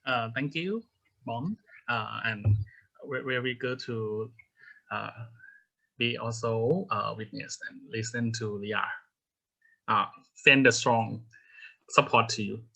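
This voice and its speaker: A man speaking as a panelist in a halting way, with frequent "uh"s and restarts. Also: mid-range voice, creaky, bright, forceful tone, low-quality recording. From Thailand. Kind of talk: panel remarks.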